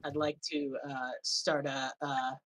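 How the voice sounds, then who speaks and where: A man describing his character's actions as a tabletop player, halting with many fillers. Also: medium pitch, flat delivery, fairly bright tone, low-quality recording.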